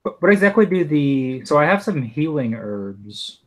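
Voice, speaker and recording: A man playing a tabletop game, thinking aloud in a slow, deliberate way. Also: on the high side, very animated, low-quality recording. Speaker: player. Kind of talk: casual tabletop game play.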